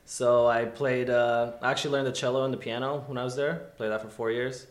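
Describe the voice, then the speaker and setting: A man's voice: mid-range voice, little pitch movement, brisk. Hesitant man from Romania, echoey room. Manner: hesitant, understated. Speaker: band member. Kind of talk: casual chat.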